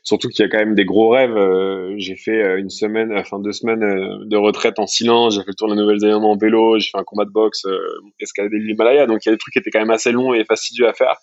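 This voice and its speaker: Low-voiced French entrepreneur, dull recording. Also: male voice, fast, hardly any pauses, no room sound. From France. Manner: relaxed, filler-heavy, frequent "you know" asides. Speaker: entrepreneur guest. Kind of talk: casual conversational interview.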